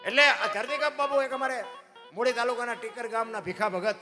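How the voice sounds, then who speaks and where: High-voiced man telling folk tales. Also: a little fast. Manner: homely, preachy, keeps calling listeners "bapu". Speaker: folk storyteller at a dayro. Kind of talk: folk stage storytelling talk. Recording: long hall reverb, faint music behind.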